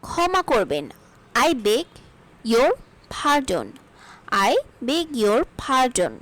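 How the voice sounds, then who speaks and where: A woman leads a spoken English lesson. Her fairly high voice moves a great deal up and down as she reads each sentence. She takes it very slowly and carefully, saying every line twice for learners. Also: sing-song, low-quality recording. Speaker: English teacher.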